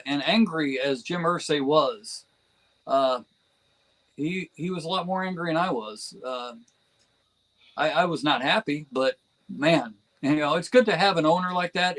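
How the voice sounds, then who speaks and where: A man's voice: fairly high pitch, unhurried, a bit bright, rough recording. A man from New Jersey chatting as a guest on a fan podcast, enthusiastic and rambling, with frequent chuckles. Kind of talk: casual podcast chat.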